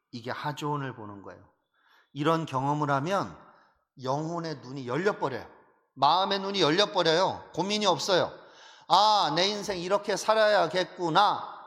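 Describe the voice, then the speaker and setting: Emphatic preaching man in a reverberant hall. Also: fairly high pitch. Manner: animated, emphatic preaching with rhetorical questions. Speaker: pastor. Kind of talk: sermon.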